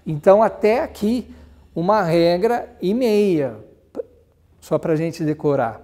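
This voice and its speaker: Brazilian guy teaching grammar, kinda high voice but mellow, slow patient examples. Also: lively intonation. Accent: Brazilian Portuguese. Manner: patient, explains step by step with examples, spells words out. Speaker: Portuguese teacher. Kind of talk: classroom grammar lesson.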